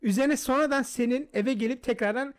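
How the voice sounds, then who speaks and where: Fast-talking high-voiced man, teasing. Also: crowd noise. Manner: animated, teasing, talks over the other. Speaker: podcast co-host. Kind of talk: casual chat.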